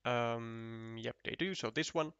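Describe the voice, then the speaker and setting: Male game caster, slow and bright, dry mic, thinks aloud and restarts often. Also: medium pitch, smooth, no echo, highs cut off. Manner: thinking aloud, counting tiles, many restarts. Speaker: esports commentator. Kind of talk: live game commentary.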